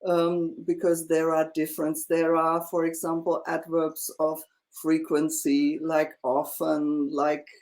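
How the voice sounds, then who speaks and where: A woman teaching a one-on-one language lesson, explaining slowly with many fillers and checking in with "yeah?". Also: low-pitched, monotone, darkish tone. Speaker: German teacher.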